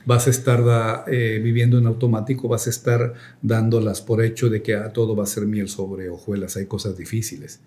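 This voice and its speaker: Mellow-voiced pastor telling a testimony. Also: male voice, on the low side, little pitch movement, moderate pace, hardly any pauses. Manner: reflective storytelling with hesitant fillers, rising to emphatic preaching.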